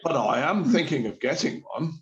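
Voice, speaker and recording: In a radio play, a man with a slightly high, expressive voice plays a sheepish supermarket shopper caught panic-buying, lightly acted at a moderate pace. He sounds awkward, hesitant and evasive, stammering through his lines. The lo-fi recording is a little dull.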